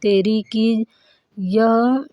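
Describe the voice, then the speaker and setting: A woman's voice: on the high side, steady tone, very slow, dark tone, dry recording, lo-fi sound. A woman voicing a greedy, scheming male village landlord in a cartoon story, grumbling over lost money. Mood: frustrated.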